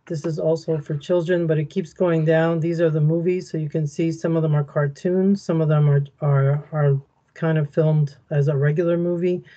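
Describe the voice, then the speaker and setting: A woman explaining a website during a screen share in an online meeting, talking in a steady, explanatory way. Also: sits low, highs cut off. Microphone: video call.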